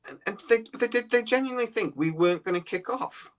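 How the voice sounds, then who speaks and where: A man's voice: very high voice, animated, fast. A man in his forties, chatting bluntly and scornfully as a podcast co-host, often restarting his sentences. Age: 40s. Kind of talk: casual opinionated chat.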